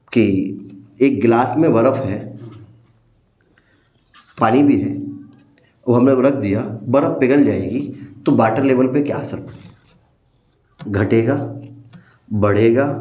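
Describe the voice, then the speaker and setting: A man's voice: medium pitch, dark tone. A male teacher giving a playful demo lesson, explaining step by step and calling his listeners "beta". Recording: echoey room.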